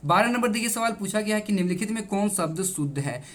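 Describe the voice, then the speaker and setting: A man, speaking in a fairly high voice, goes through exam answers one by one. He is emphatic and reassuring. He stops often to repeat the right answer to his students. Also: animated, quick pace, a bit bright. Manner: repeats each answer, keeps addressing the students. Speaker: teacher. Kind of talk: exam answer-key explanation.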